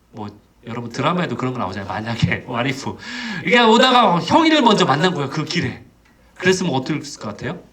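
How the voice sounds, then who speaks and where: A man preaching a sermon to his congregation in a slightly high, very lively voice that swings up and down. He fires rhetorical questions at the listeners and acts out the quoted lines as he goes. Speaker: pastor.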